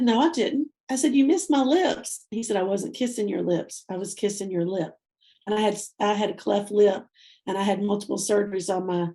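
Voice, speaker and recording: A woman in her fifties, a guest telling a personal love story in an interview, heartfelt and teary-eyed, going quiet and slow at the tender parts. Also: mid-range voice, gravelly. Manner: heartfelt, softens and slows at tender moments. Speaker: guest speaker.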